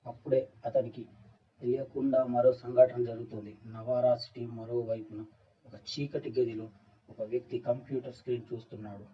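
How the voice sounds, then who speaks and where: A man reading a scripted horror story as narrator, with an even, flat delivery. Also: mid-range voice, moderate pace, slightly rough. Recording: dull, distant-sounding recording.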